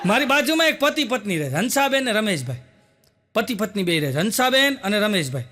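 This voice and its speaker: A man's voice: high-pitched, quick pace, noisy background. A young man telling stand-up jokes, acting out the voices of the people in his stories. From Gujarat, India. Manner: lively storytelling, acts out quoted voices. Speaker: stand-up comedian.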